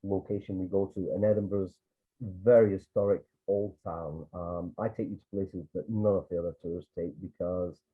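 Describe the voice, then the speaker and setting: A deep, husky voice with fairly even intonation at a moderate pace belongs to a Scottish man from Edinburgh, a tour guide and photographer. He rambles through casual storytelling on a video call, restarting often and adding asides, over tinny, phone-like audio.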